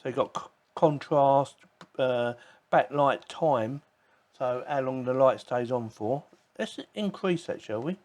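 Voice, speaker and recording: A tech product reviewer with a mid-range, somewhat mellow voice speaks at a measured pace. He's casually demonstrating a product during an unboxing, thinking aloud and chatting informally as he proceeds.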